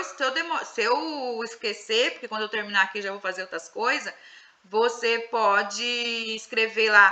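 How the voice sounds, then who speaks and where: A woman's voice: on the high side, pushed and bright. A Brazilian woman, a psychoanalyst, leading a casual women's group discussion online, asking questions and coaxing others to speak.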